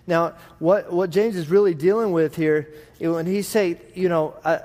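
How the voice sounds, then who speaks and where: Texan preacher with a rural drawl, echoing hall. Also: male voice, high-pitched, fairly even intonation, normal speed, a little mellow. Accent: rural Texas drawl. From Texas, United States. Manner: folksy, rambling, self-deprecating. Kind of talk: conversational sermon with anecdotes. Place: large reverberant room, preaching to a congregation. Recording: reverberant hall sound.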